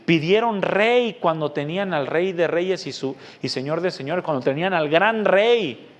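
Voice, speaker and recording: A pastor preaching emphatically, jumping from loud rhetorical questions to quiet asides. His voice sits fairly high for a man. A long church-hall reverb hangs on his lines. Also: expressive, normal speed. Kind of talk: sermon.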